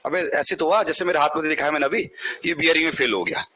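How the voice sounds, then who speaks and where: Bright, husky-voiced man teaching a class. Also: on the high side. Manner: brisk, coaxing, keeps asking the class questions. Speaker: civil engineering teacher. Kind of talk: exam-prep lecture.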